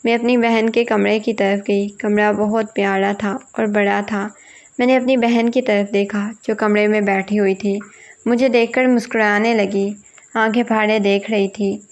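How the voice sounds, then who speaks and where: A woman's voice: mid-range voice, flat delivery, dull audio. A woman reading a first-person family drama aloud, voicing every character in her own voice. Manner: reads all parts in one voice, quoting family members plainly. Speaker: story narrator. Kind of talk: first-person storybook narration.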